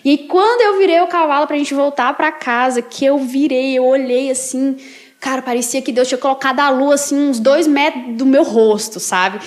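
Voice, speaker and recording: A woman speaking as an interview guest, telling personal faith stories in an animated way with frequent tag questions. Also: high-pitched, moderate pace. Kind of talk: casual testimony chat.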